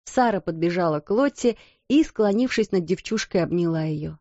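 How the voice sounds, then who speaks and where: Animated woman reading a storybook. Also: lowish voice, moderate pace, no room sound, muffled recording. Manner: animated, acts out the characters. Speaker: audiobook narrator.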